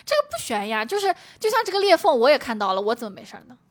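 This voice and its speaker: A woman co-hosting a casual chat podcast, talking her partner through his habits in a gently persuasive way. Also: a little high, very animated, rapid-fire. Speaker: podcast co-host.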